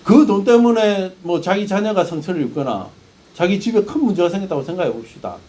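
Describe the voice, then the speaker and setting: A man's voice: sits high, animated, fairly quick, warm tone. A male pastor preaching a sermon, firing rhetorical questions at the congregation.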